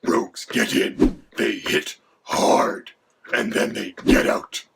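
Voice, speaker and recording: A voice, given as male, playing a haughty dragon companion with a gravelly, creaky, half-whispered sound. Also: slow, background noise, natural voice. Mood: lecturing. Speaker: co-host.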